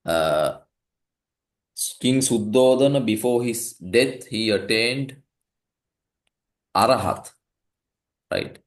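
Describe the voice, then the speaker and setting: A man's voice: medium pitch, expressive. A man from Sri Lanka tutoring a student one-on-one, reading a story aloud and often checking with "right?". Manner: slow, explanatory, checks understanding with "right?". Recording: echoey room.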